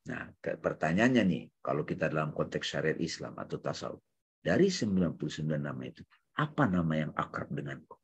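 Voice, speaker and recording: A man leading a reflective spiritual study talk, shifting between hushed musing and emphatic phrases. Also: very deep voice, big pitch swings, a little fast, husky. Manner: swings from hushed musing to loud chanted takbir. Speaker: speaker in religious study session.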